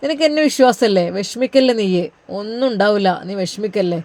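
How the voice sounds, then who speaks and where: A narrator voicing a kindly older religious elder, soothing and reassuring. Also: male voice, lively intonation, brisk, darkish tone. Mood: consoling. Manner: soothing, reassuring, a touch higher. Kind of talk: storybook narration.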